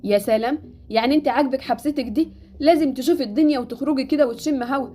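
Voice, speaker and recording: A woman voicing a gentle mother with an Egyptian accent. The mother speaks tenderly as she comforts her daughter. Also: high voice, racing, voice pushed down. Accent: Egyptian Arabic. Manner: tender and soothing.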